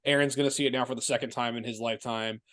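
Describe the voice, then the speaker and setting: Fast-talking man hosting sports chat. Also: medium pitch, steady tone, a bit bright. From Massachusetts. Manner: quick, loose sports chatter with restarts. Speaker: podcast host. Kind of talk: casual sports talk.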